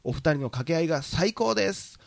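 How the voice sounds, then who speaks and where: A man's voice: on the high side, animated, a little fast, gravelly, no room sound, studio quality. A young man with an Osaka Kansai accent co-hosting a podcast, reading out listener reviews with jokey mock emphasis. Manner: jokey, teasing, reads aloud with mock emphasis. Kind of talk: casual podcast chat.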